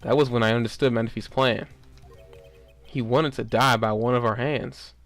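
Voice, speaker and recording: A man's voice: mid-range voice, steady tone, normal speed, soft background music, natural voice. A man voicing a remorseful stage magician in a video game, with grandiose, formal phrasing. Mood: confessional. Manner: grandiose, old-fashioned phrasing.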